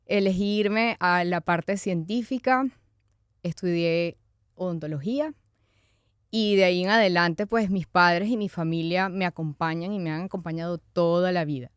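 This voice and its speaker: A woman speaking, telling her life story as a guest in an earnest, animated way. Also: lowish voice, moderate pace, smooth, no echo, clean studio sound. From Venezuela. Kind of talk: conversational interview.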